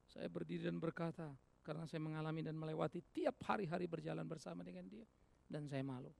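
A male pastor preaching a sermon, swinging between loud exhortation and hushed asides, with many rhetorical questions to the congregation. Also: a little high, steady tone, fast, vocal fry.

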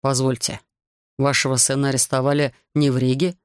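A man voicing a stern, influential host who questions his visitor in a measured, probing way. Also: mid-range voice, flat delivery, clear, resonant tone, dry recording, clean studio sound, close to an everyday voice.

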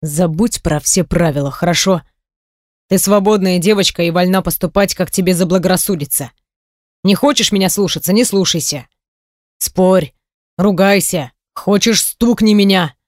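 A woman's voice: fairly low pitch, normal speed, no echo, studio quality, lightly acted. A woman voicing a brooding possessive young man. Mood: pleading. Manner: earnest, insistent.

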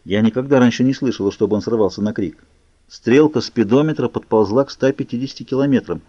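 A male audiobook reader tells the story in a steady, even voice. His tone is dark and mellow, and the recording sounds dry and dull. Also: mid-range voice, fast talker, dry recording. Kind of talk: scripted novel narration. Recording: muffled lo-fi recording.

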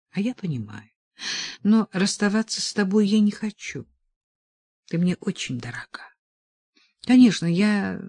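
Audiobook: narrator reading an insistent, well-off man arguing his case; lively intonation, dry close sound. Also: mid-range voice, dry recording. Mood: persuasive. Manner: insistent, reasoning. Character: commanding wealthy man, persuasive lover. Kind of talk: audiobook dialogue.

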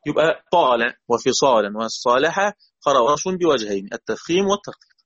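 Egyptian man teaching recitation, husky voice. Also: mid-range voice, expressive, fast talker, a bit bright. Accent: Egyptian Arabic. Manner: asks the class questions, repeats and chants example words. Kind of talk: classroom lecture on recitation rules. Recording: dull lo-fi recording.

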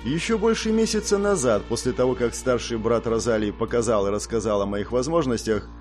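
A man narrating a fantasy audiobook in an expressive, storytelling manner. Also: mid-range voice, fairly quick, soft background music. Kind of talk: scripted narration.

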